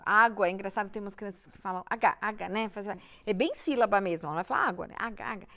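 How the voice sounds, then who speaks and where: A woman's voice: mid-range voice, fast, bright, forceful tone. A woman with a Brazilian accent, a pediatrician guest patiently explaining child development step by step in a reassuring way. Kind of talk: explanatory interview talk.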